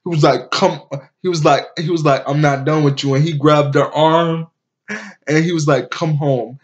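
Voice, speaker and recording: A man's voice: a little high, lo-fi sound. A man casually recapping a TV episode, rambling with restarts and slang as he retells scenes. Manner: rambling retelling with many restarts and "he was like" quotes; slow-paced, colloquial, relaxed slang.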